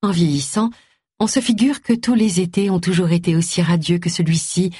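Woman doing a vicar's wife, audiobook, gentle, firm, breathy, dry close sound. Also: lowish voice, fairly quick, no room sound. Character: composed, kindly middle-aged vicar's wife.

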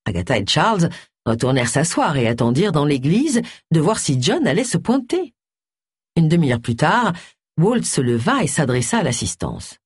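A woman narrating an audiobook in an expressive, varied reading style. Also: sits low, moderate pace, breathy edge, no room sound, clean studio sound.

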